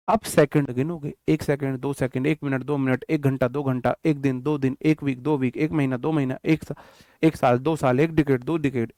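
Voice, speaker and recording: Young male tutor, casual exam-prep lecturing, fairly high voice, dry close sound. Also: darkish tone, dry recording. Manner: explains in Hindi mixed with English terms, repeats and counts out examples; addresses students directly, casual and chatty. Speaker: English teacher.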